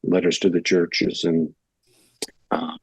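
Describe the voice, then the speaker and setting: A very deep, husky man from Detroit speaks in a dry, close recording with no room sound. He is a pastor telling his story in a relaxed, rambling way and acts out what other people said. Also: takes it slowly, no echo. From United States (Detroit, Michigan). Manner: conversational, rambling, acts out quoted dialogue. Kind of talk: casual interview storytelling.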